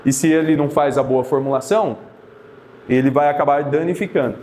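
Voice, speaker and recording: A man, teaching a class of therapists in a lively, conversational way and often restarting his sentences. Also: fairly high pitch, brisk, slight background noise. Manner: conversational, lively, with many restarts and acted quotes. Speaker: therapy instructor. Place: classroom with students.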